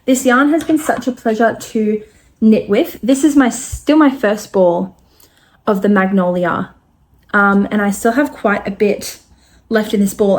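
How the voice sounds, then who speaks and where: A woman's voice: mid-range voice, darkish tone, slight background noise. Chatty young Australian woman vlogging. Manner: chatty, many fillers. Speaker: knitting vlogger. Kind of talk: casual vlog chat.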